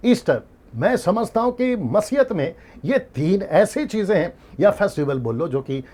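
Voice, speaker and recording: Sitting high with a darkish tone, this male preacher's voice drives an emphatic teaching sermon. He keeps returning to his key points, poses rhetorical questions, slips in English words, and laughs occasionally.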